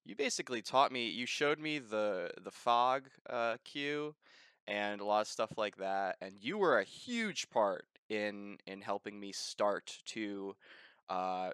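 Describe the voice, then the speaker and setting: Using a gaming headset mic in his bedroom, a twenty-something podcast interviewer runs a casual voice-call interview, rambling and restarting often. His lowish voice moves at a moderate pace, a bit bright, clear, and resonant, with clean studio sound and no echo.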